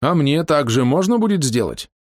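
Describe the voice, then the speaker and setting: Man voicing a dreamy young pilot, audiobook, high excited voice. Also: normal speed, dry recording, clean studio sound.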